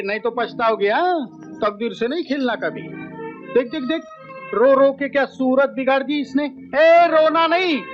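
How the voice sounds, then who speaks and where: An actor playing a ruthless, domineering hijra brothel madam who taunts and bosses everyone around. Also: male voice. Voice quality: shrill, taunting, bossy. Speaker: brothel keeper. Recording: muffled film audio with loud music.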